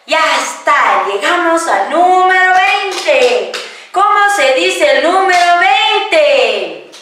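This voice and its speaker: A woman with a high voice teaches a class, speaking very slowly and stretching out each word. She patiently asks questions and answers them herself. Her voice rings through an echoey room, picked up from some distance away. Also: a bit bright, slight background noise. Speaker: Quechua teacher. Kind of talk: classroom-style language lesson, question and answer.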